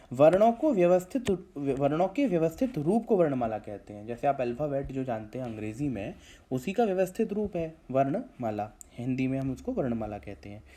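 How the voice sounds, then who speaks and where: Animated man teaching grammar. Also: on the high side. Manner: patient, explains step by step with checking fillers; stretches vowel sounds to demonstrate pronunciation. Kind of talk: Hindi grammar lesson.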